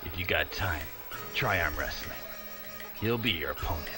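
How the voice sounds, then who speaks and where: A man's voice: low-pitched, animated, normal speed. A man playing a shady arm-wrestling promoter in a video game, with stilted, amateurish bad acting. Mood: creepy, coaxing. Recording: loud music behind game dialogue.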